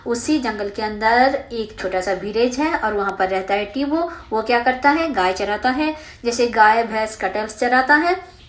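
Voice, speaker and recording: Fairly high-voiced woman teaching science. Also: lively intonation. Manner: reads textbook lines slowly in English, then explains in Hindi with fillers; asks the students questions and answers them herself. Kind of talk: textbook lesson explained in Hindi and English.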